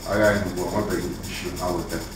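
A man's voice: low-pitched, steady tone, rapid-fire. A middle-aged man with a Nigerian accent, mixing Igbo and English as he gives an informal report in an office, recorded from a far camera. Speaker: acting college provost. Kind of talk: informal report to visiting chiefs. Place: office room. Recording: echoey room from far off, noisy.

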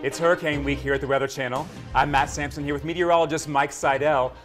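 A man's voice: a little high, fairly even intonation, fast talker, fairly bright tone, soft background music. A man in his thirties hosting a broadcast interview in a TV studio on a lapel mic. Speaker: TV host. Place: indoor TV studio.

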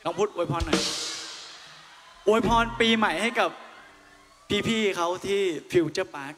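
A man's voice: high voice, moderate pace. A young man, a singer on a mall stage, playfully teasing and joking with his crowd between songs. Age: young adult. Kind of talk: live stage banter with a crowd. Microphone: handheld stage mic through PA. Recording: reverberant live venue, faint music.

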